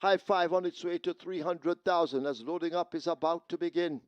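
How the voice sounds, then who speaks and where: A man at a racetrack heard through loudspeakers, loudly and urgently calling out post time and betting pools. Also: a little high, steady tone, moderate pace, clean tone, no room sound, lo-fi sound. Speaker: racetrack announcer. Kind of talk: public address announcements. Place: outdoor racetrack.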